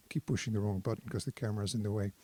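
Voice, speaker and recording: Speaking on the low side with a dark tone, a man walks through a synthesizer in a casual tutorial. He thinks aloud, explaining at an easy, unhurried pace.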